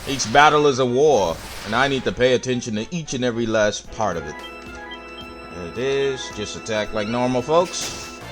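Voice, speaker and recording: A man with a medium-pitched voice talks at normal speed while playing through a game. His commentary is playful and self-mocking, with faint game music underneath.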